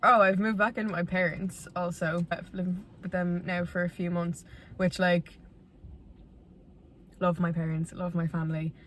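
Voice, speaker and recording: A woman's voice: on the low side, little pitch movement, normal speed, fairly bright tone, a little hiss or hum. A woman in her twenties with a west of Ireland accent, chatting casually and candidly to viewers in a rambling, self-deprecating way. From Galway, Ireland. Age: 20s. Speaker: vlogger.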